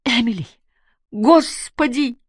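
A woman's voice: lowish voice, a little slow, breathy edge, no echo, studio quality. A woman reading an audiobook voices a desperate woman police sergeant who screams and pleads. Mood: frantic pleading. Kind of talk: audiobook character voice.

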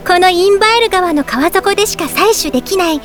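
A woman voices a sweet, bubbly young mermaid who has just married, narrating her own story in first person for a Japanese audio drama tied to a game. Her very high voice moves briskly and sounds lovestruck and cheerful, cutesy and full of exclamations, over background music.

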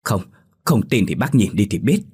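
A man voicing a panicked young village man who cries out in shrill, stammering alarm. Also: very animated, moderate pace, a little mellow, husky, exaggerated voice. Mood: defensive.

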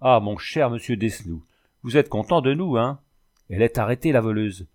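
A man's voice: medium pitch, lively intonation, normal speed, darkish tone, lightly acted. A man reading the part of a tipsy, pompous village mayor in a storybook, talking in a chatty, self-satisfied, folksy way. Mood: boastful.

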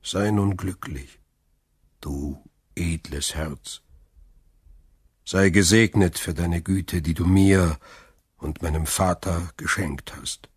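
A man voicing a mysterious noble avenger who speaks slowly in a low, hushed murmur. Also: husky, dry recording, studio quality. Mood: solemn, hushed.

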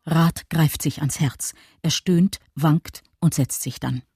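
A man's voice: a little high, steady tone, slow, a little mellow, slightly rough, no echo, studio quality. A man reading scripted audio description of a film as narrator.

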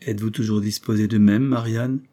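Low, dark, husky voice playing a steady young farm man, earnest and proud , as the narrator reads him. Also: a little fast, close to an everyday voice. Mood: tender.

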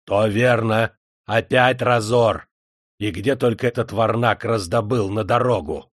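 A gruff, spiteful older uncle voiced by a man speaks in a sour, raised tone. The recording is dry. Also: mid-range voice, a little slow, dry recording, natural voice. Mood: gloating.

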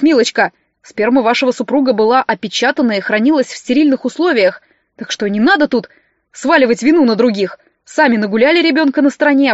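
A woman's voice: fairly high pitch, no room sound, highs cut off. A woman reading an audiobook voices a pompous, defensive male clinic doctor with a smug manner. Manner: smug, then shrieking in panic.

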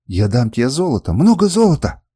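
Kernus, a shrill cowering lord, as a man puts him on. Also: very animated, moderate pace, darkish tone, slightly rough, no room sound, studio quality. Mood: panicked, pleading. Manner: shrill, frantic pleading and stammering. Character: cowardly panicking middle-aged male house lord.

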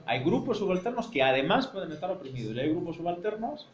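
A man's voice: sits high, big pitch swings, fast talker, lo-fi sound, over a noisy crowd. Man from Madrid explaining in an echoey classroom. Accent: Spanish from Spain, Madrid. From Spain (Madrid). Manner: explanatory, thinks aloud, checks understanding with frequent "¿no?". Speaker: university teacher. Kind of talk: seminar lecture with discussion.

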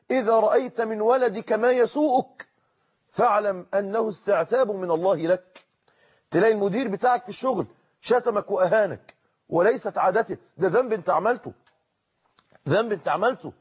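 A man with an Egyptian Arabic accent preaching a sermon in an earnest manner, repeating his phrases for emphasis and slowing down for quotations. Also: high-pitched, breathy edge, muffled recording.

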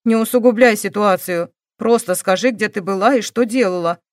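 A woman's voice: medium pitch, moderate pace, no room sound, studio quality, lightly acted. A woman voicing a worried grandmother who scolds and pleads with her granddaughter. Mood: exasperated.

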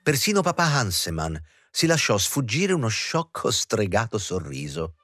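A man giving an expressive, theatrical audiobook reading of a novel. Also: on the low side, normal speed, soft background music. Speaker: audiobook reader. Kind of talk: literary audiobook narration.

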